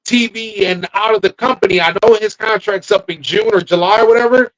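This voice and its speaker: A man's voice: high voice, a little fast, low-quality recording. A man co-hosting a casual podcast, thinking aloud, trailing off and restarting his sentences. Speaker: podcast co-host. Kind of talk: casual wrestling chat.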